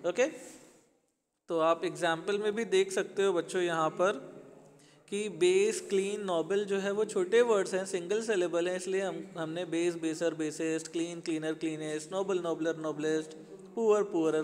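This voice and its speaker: A man's voice: sits high, fairly even intonation, moderate pace, a little mellow. A male English teacher with an Indian accent, patiently explaining a grammar lesson to children and mixing Hindi with English. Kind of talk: recorded classroom lesson. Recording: long reverb, roomy hall.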